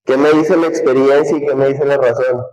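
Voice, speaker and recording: A man's voice: medium pitch, fairly even intonation, brisk, a little mellow, poor audio. Male teacher quizzing his class. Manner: conversational, quizzes the class with questions. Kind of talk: classroom lecture.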